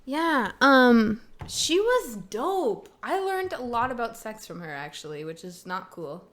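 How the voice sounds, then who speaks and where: Young canadian woman podcasting, kinda high voice, swears a lot, laughs easy. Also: normal speed. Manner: animated storyteller, swears freely, laughs often. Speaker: podcast co-host. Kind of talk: casual chat.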